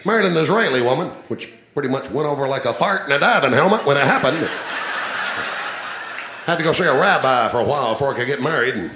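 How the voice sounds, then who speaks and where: A man's voice: mid-range voice, expressive, quick pace, roomy sound, noisy background. Southern man doing self-mocking stand-up. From Georgia, US. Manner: self-mocking hillbilly humor, laughing through punchlines. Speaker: comedian. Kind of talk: stand-up comedy and radio interview.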